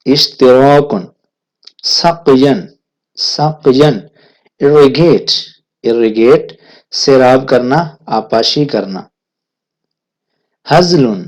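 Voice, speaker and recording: A man teaching a vocabulary lesson, saying each word twice, then its meaning, in a slow, deliberate way, with a Pakistani Urdu accent. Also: medium pitch, darkish tone. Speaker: language teacher. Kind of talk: vocabulary lesson, repeating words slowly.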